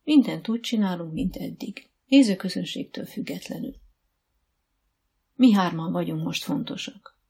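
A woman voicing a patient, kind riding instructor who speaks calmly and encouragingly, with gentle teasing. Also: fairly low pitch, creaky, husky, full character voice.

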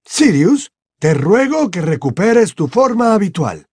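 A man reading an audiobook who voices an elderly, wise wizard headmaster, speaking in a measured, grave, commanding way with a husky tone. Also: sits high, big pitch swings, darkish tone, no echo, studio quality, pitched above the performer's own voice, exaggerated voice. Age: over 60. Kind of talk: audiobook character voice.

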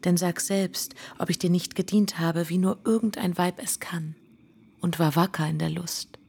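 An actress playing a tender, devoted young bride in a radio drama, speaking softly and half-whispered. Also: female voice, lowish voice, fairly even intonation, moderate pace, gravelly, husky, exaggerated voice.

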